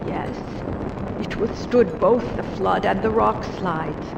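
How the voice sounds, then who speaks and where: A woman's voice: mid-range voice, slow, creaky, echoey room, highs cut off, heavy background noise. An actress playing a reverent, fearful old woman village oracle in a video game, humble and pleading in archaic formal speech. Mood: fearful, grave.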